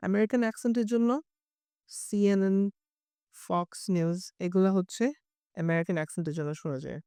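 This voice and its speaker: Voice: mid-range voice, fairly quick, warm tone, clean tone, no echo, studio quality. An IELTS teacher with a Bengali accent gives a bilingual lesson, explaining carefully and repeating example words to demonstrate them.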